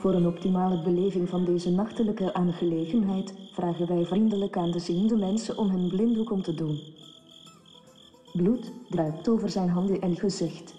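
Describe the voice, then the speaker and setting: A synthetic female computer text-to-speech voice, announcing in an even, measured way over loudspeakers in a theatre hall. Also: on the low side, over music. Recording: echoey hall with long reverb.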